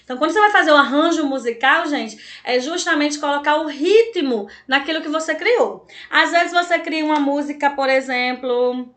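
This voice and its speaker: A woman's voice: sits high, expressive, normal speed, few pauses, a bit bright. A woman teacher with a Brazilian accent giving an online class, checking in with her students every few lines. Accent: Brazilian Portuguese. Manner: frequent check-ins with "tá, gente?" and "certo?". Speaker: Portuguese teacher.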